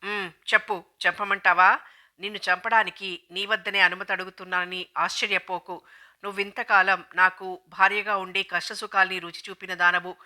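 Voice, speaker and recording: A furious husband snarls commands and threats at his wife in this storybook reading, his voice bright and sharp. A woman reading the novel aloud plays him. The menace comes through steady and loud. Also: medium pitch, moderate pace. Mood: menacing. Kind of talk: audiobook dialogue reading.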